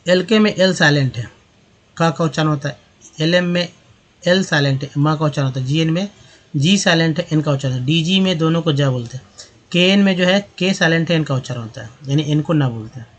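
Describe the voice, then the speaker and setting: Slow Hindi teacher spelling letters. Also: male voice, on the high side. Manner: addresses viewers as friends, checks understanding with tag questions. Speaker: English teacher. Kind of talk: explaining pronunciation with examples.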